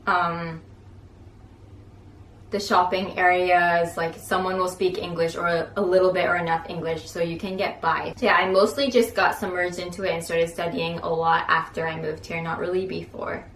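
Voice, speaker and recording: A woman's voice: on the low side, flat delivery, moderate pace, fairly bright tone. A young adult woman vlogging at home in a casual, chatty way, with lots of "like" fillers. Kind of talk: casual vlog chat. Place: home, indoors. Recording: roomy echo, distant from mic, faint noise.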